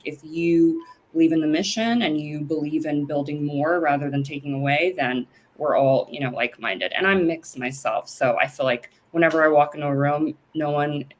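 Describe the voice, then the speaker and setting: Low voiced woman guest chatting on a video call, lots of ums and you knows. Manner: chatty, with many fillers and restarts. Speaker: company president, guest. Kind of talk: casual video-call interview.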